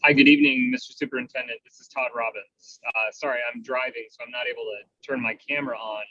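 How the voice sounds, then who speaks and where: A man calling into a school board meeting while driving, speaking over a car speakerphone, making brief, polite, hurried remarks with filler pauses. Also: medium pitch, animated, bright, forceful tone, slight background noise. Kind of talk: brief formal remarks on a video call. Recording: distant, muffled call audio.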